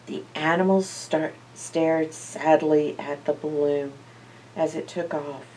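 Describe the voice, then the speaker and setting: An older woman with a deep voice reads a picture book slowly to young children, sitting by the bookshelves of an indoor library where she works as a storyteller. Expressive and animated, she poses questions to her listeners. The recording has slight background noise and a slightly distant microphone.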